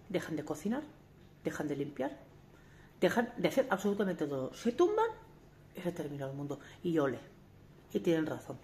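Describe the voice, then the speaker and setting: A woman in her forties talks straight to camera in a family vlog. Her voice sits a little low. She is candid and emphatic, breaks off to restart, and keeps asking her viewers rhetorical questions. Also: darkish tone. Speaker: family vlogger. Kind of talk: talking to camera.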